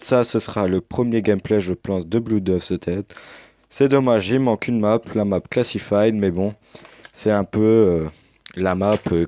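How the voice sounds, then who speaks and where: Slow, dark-voiced young man unboxing. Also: on the low side, dry recording. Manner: hesitant, many fillers and restarts. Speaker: unboxing youtuber. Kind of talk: casual unboxing commentary. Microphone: headset.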